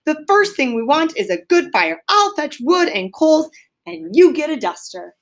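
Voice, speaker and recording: A woman voicing a cheerful, brisk, capable rat in a children's storybook, upbeat and encouraging. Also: high-pitched, big pitch swings, voice pushed up. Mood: cheery excitement. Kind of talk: children's storybook read aloud.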